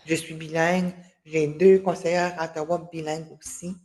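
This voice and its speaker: Her low, slightly mellow voice is flat in delivery and moderate in pace. Closing out an online workshop by video call as host for a women's enterprise organization, she hesitates often, filling pauses and restarting sentences.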